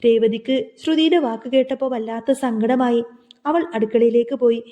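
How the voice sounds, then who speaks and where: A woman retelling a TV serial episode in steady storytelling, voicing the characters' lines in her own voice. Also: fairly high pitch, moderate pace, big-room sound. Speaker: serial recap narrator.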